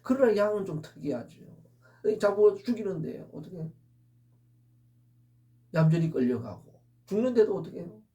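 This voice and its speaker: A man preaching an earnest sermon, his high voice mellow and soft-edged. He keeps asking rhetorical questions of the congregation. His voice sits a little away from the mic. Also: sing-song, normal speed, pauses often, distant mic. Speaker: pastor. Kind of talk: Easter sermon.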